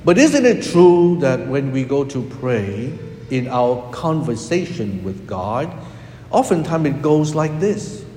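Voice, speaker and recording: A man preaching a sermon as a priest, with a slow, emphatic delivery that rises and drops dramatically. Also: medium pitch, sing-song, warm tone, a little hiss or hum. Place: church. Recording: echoey hall with long reverb.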